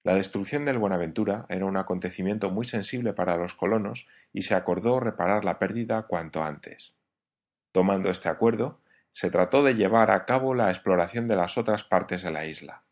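A man narrating an audiobook in a steady, even reading. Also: low voice, moderate pace.

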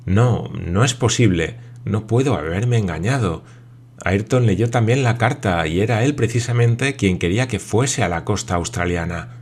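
A man voicing a loyal old sailor who answers calmly, puzzled by the questions. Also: fairly low pitch, moderate pace, slightly rough. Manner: calm, plain, bewildered.

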